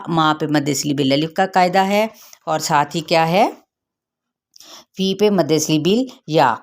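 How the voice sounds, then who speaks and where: A woman teaching tajweed, slowly drawing out each word to demonstrate it and then explaining the rule in a brisk, matter-of-fact way. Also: low-pitched. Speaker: Quran recitation teacher. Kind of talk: teaching tajweed rules line by line.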